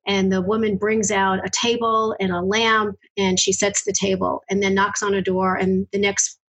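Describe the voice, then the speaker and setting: A middle-aged woman hosting an interview, chatting casually and telling stories with lively outbursts. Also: medium pitch, moderate pace, poor audio. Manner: chatty storyteller, lively when surprised. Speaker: podcast host.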